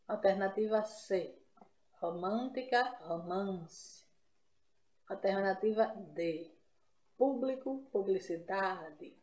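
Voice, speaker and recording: A woman's voice: medium pitch, darkish tone, roomy sound. A woman from Brazil teaching an exam-prep grammar lesson, explaining step by step and checking in with her listeners.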